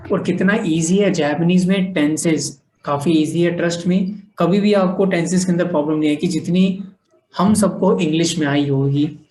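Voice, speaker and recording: A man's voice: on the high side, normal speed, darkish tone, reverberant, low-quality recording. A man teaching a language class online, explaining patiently, often checking that students follow, and mixing English phrases into his talk.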